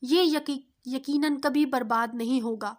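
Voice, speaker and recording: A woman's voice: high voice, natural voice. A woman voicing a proud, boastful rich gardener in a storybook tale, in her own voice. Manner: boastful, self-assured.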